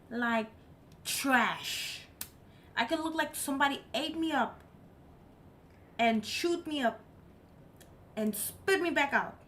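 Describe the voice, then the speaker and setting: A woman with a high, fairly bright voice chats casually on a live stream. English is her third language, not her first, and she drives her points home by repeating them emphatically.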